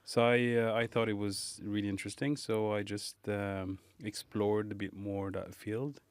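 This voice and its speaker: Male podcast guest, low voice, smooth and clear, dry close sound; hesitant, reflective delivery. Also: flat delivery, no room sound. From Morocco. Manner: thoughtful, halting, many fillers. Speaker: guest, pastry chef. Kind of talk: casual interview.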